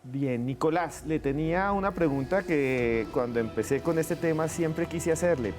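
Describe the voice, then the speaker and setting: A man's voice: on the high side, normal speed, over music. A man presenting as host in a dramatic documentary style, with theatrical questions. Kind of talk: dramatic scripted show introduction, documentary-like presenting.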